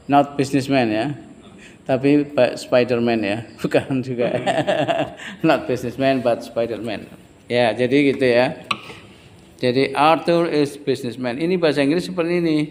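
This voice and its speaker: A man teaches English in a classroom, at a middle pitch. He talks patiently and says example phrases slowly so his learners can repeat them. The room gives his voice a long, ringing reverb. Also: darkish tone.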